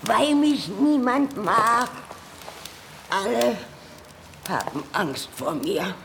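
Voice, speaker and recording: A woman's voice: medium pitch, animated, extremely slow, creaky, noisy background, full character voice. A woman playing a lonely, aggrieved female lake monster in a children's audio drama, with a dramatic, self-pitying manner.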